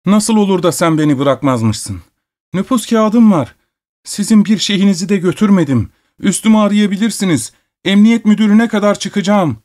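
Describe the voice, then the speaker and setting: Casting: a man playing a distraught drunk male musician, shrill, crying out. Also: lively intonation, moderate pace. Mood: tearful shouting. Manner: tearful, shrill shouting.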